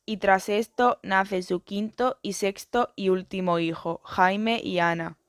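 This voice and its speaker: Smooth, dry-voiced woman reading a lesson. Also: mid-range voice, dry recording. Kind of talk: read educational narration.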